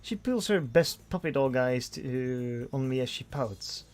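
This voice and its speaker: A man's voice: medium pitch, expressive, unhurried. A man reading a visual novel aloud in first person, with dry delivery and frequent restarts. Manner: dry narration with restarts and sighs.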